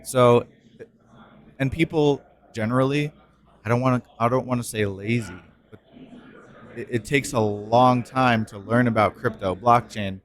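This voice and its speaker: A man chatting casually as co-host on a podcast, mid-pitched, his talk loose and full of "um" and "like" as he circles back and restarts his sentences. His voice sits at an ordinary level for a man. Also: measured pace. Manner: rambling, many fillers and restarts.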